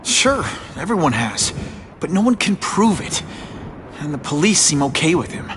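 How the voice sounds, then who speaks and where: An actor playing an earnest young photographer and secret superhero in a video game, boyish, tentative and conversational. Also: male voice, fairly high pitch, sing-song, normal speed, fairly bright tone, a little hiss or hum. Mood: polite, wary.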